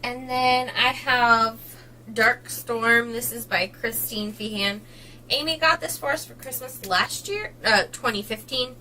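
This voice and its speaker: A woman's voice: fairly high pitch, unhurried, pushed and bright, a little hiss or hum, rough recording. A woman co-hosting a casual home video, chatty and giggly, often laughing between thoughts. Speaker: co-host of a book channel. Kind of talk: casual chat.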